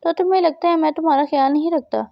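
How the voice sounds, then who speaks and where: A woman's voice: very high voice, fairly even intonation, vocal fry, no room sound, dull audio. A woman reading the part of a stern, cold male boss who speaks in curt commands.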